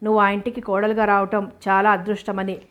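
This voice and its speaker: Earnest, tender young student in love, read by a woman; flat, even storybook delivery. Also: mid-range voice, fairly quick, close to an everyday voice. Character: young man, grateful medical student, affectionate.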